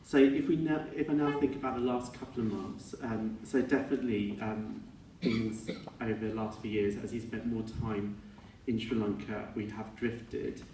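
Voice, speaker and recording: A middle-aged man giving an informal funeral speech as a son, halting and reflective, often correcting himself as he goes. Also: on the low side, fairly even intonation, mellow. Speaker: son giving a eulogy for his father. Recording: echoey room, distant mic, faint noise.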